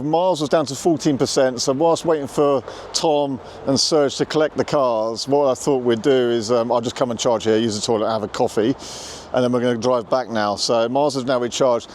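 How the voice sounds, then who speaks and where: A man's voice: mid-range voice, fairly even intonation, fairly quick, darkish tone, slight background noise. Chatty South London man vlogging. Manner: chatty, laughs often, explains step by step. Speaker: vlog host. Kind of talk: casual chat and car vlog commentary. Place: inside a car and at a charging station.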